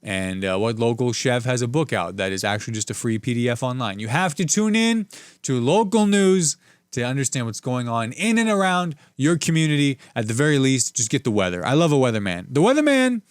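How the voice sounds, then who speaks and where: A man's voice: medium pitch, lively intonation, a little fast, clean tone, dry recording, clean studio sound. A young man hosting a solo podcast, riffing on the week's news with sarcastic, rambling jokes and asides. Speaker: podcast host. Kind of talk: solo comedic news commentary.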